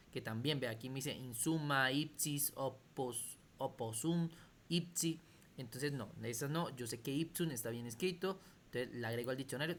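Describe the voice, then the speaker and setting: A man's voice: mid-range voice, fairly bright tone, a little hiss or hum. A man teaching a computer class over a video call, explaining step by step and often checking that students follow. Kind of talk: online class lecture.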